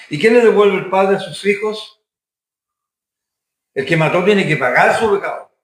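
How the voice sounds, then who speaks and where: A man's voice: sits high, reverberant, poor audio. A man preaching a Sunday school sermon in a church, firm and full of rhetorical questions.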